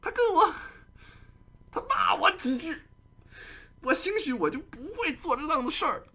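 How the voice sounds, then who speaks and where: A man's voice: extremely high pitch, big pitch swings, moderate pace, bright, forceful tone, voice pushed up, exaggerated voice. A man voicing a condemned man who wails his regrets through tears. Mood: weeping. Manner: tearful, wailing.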